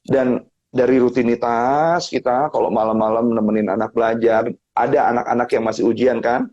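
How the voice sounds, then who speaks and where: A man talking casually as a guest on a family live stream, telling animated stories and acting out other people's lines with big jumps in his voice. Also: medium pitch, moderate pace, muffled recording. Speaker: guest speaker on family topics. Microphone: live-stream mic.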